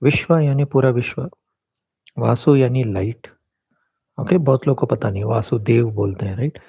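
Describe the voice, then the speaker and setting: A man's voice: medium pitch, moderate pace, creaky, breathy edge, dry recording. A man explaining astrology in a casual talk, mixing English words into his Hindi. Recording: dull, lo-fi dry sound.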